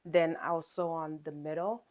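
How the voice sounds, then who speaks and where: A woman's voice: deep voice, fairly even intonation, unhurried, darkish tone. A woman hosting a quilting channel, casually talking through each sewing step, with frequent fillers and check-ins. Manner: chatty step-by-step explaining with fillers.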